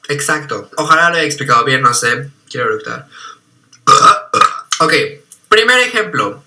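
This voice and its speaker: A young man, ranting jokingly to camera about conspiracy theories and mixing in English slang. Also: a little high. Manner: animated, jokey, mixes in English slang. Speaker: YouTuber. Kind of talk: comic conspiracy rant to camera.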